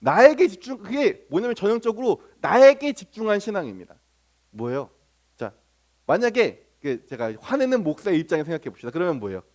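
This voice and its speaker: A man's voice: high voice, very animated, a little fast, darkish tone. A male pastor preaching a sermon. He keeps asking the congregation questions, answers them himself, and acts out little everyday scenes. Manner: acts out remarks of church members and strangers in little sketches.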